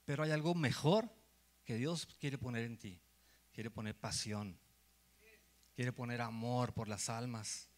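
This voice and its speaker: A man preaching an evangelical sermon to a congregation, conversational and given to repeating words, growing loud and urgent. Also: medium pitch, a little slow, pauses often. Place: church hall with congregation.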